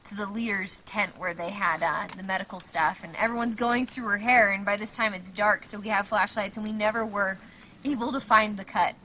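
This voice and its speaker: Relaxed woman in a casual camping vlog, mid pitch, outdoors with faint ambient noise. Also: brisk, poor audio. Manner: relaxed, hesitant with fillers. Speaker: host's wife. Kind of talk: casual storytelling. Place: winter campsite outdoors.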